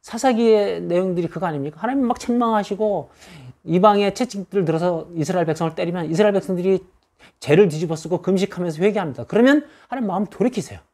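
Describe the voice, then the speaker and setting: A man's voice: high voice, quick pace, a little mellow. A man preaching a sermon as pastor, stressing his points by repeating phrases in rising lists.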